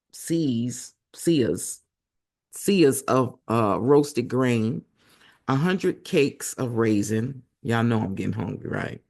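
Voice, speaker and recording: Hoarse gravelly guy reading scripture real slow, stops to chat w the viewers. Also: mid-range voice. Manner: chatty asides to viewers, self-corrections. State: losing voice, hoarse. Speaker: Bible reading host. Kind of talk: Bible reading with casual asides.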